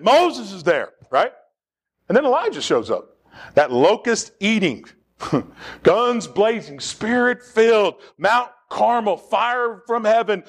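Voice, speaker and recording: A male pastor preaching in a church with a high, lively voice that swoops up and down as he builds his points. He drives the sermon forward with animated emphasis and has the congregation repeat lines back to him. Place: church sanctuary.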